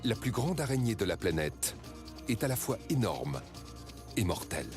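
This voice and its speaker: A man reading scripted nature documentary narration in a measured, dramatic storytelling way. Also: lowish voice, big pitch swings, music in the background.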